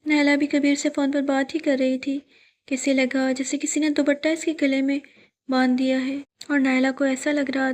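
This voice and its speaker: A woman storyteller narrating a scripted horror story in a steady storytelling manner. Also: high-pitched.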